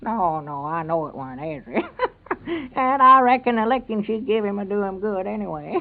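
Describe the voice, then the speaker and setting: A high-voiced, sheepish country bumbler, vintage radio. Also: male voice, lively intonation, moderate pace, vocal fry. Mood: sheepish, evasive. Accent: rural Southern American. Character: sheepish, evasive country husband and bumbling small-town constable. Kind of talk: old-time radio comedy serial acting. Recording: narrow, tinny vintage radio recording.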